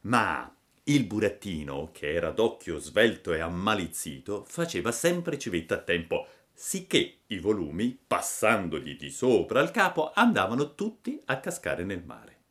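A man calmly reading a classic children's story aloud as narrator. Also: deep voice, a little slow.

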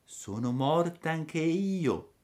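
A ghostly little girl speaking softly and slowly, flat and far away, as a man puts her on. Her voice is hushed and drawn out, slightly raised and oddly distant in timbre. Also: on the high side, voice pushed up. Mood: eerie. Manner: soft, slow and toneless. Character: ghostly pale little girl, still and eerie. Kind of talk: storybook reading.

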